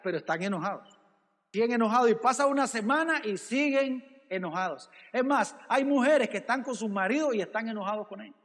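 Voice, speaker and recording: A man's voice: very high voice, a bit bright, long reverb tail. A male pastor preaching a sermon, calling out "brother" and asking rhetorical questions. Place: church.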